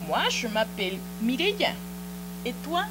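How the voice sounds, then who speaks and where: A middle-aged Mexican woman, a native Spanish speaker with a Mexican Spanish accent, teaches French on TV in a slow, drilled lesson, patiently and encouragingly repeating phrases. Her slightly high voice is very animated, picked up by a handheld mic on a small studio set with audible mains hum.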